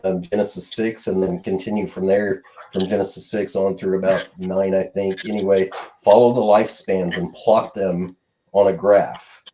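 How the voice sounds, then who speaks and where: A man explaining a point slowly and deliberately during a debate chat, with occasional fillers. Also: low-pitched, level tone, warm tone, slight background noise, rough recording. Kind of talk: casual explanation.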